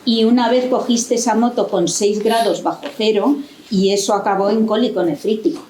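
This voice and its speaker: An actress playing a novelist's affectionate wife, reminiscing in a playful, teasing way. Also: female voice, medium pitch, normal speed, dark tone, natural voice. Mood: teasing, fond. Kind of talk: staged reading in a stage tribute. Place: university auditorium. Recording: roomy hall echo.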